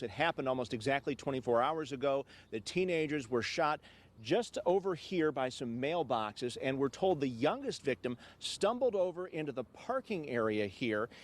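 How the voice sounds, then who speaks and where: Male field reporter live outdoors. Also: medium pitch. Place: outdoors in a residential neighborhood.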